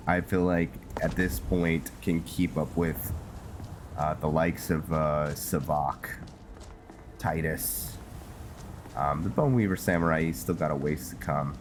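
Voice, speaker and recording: A rumbling low male voice meanders through casual gameplay talk, faltering now and then as he speaks to himself and his viewers. He hosts a roleplay series as a gamer, and background noise mixes with the video game music.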